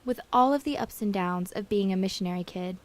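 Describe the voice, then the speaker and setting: A woman narrates a short student news feature in a clear, scripted read. She sets up the interview clips and links them together as the reporter. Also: medium pitch, a little fast.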